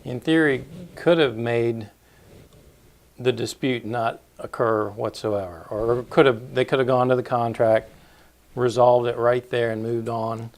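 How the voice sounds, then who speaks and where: A man's voice: medium pitch, fairly even intonation, a little slow. A man hosting a business show, asking questions in a conversational, prompting way. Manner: conversational, prompting with short acknowledgments. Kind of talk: interview questions. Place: TV studio.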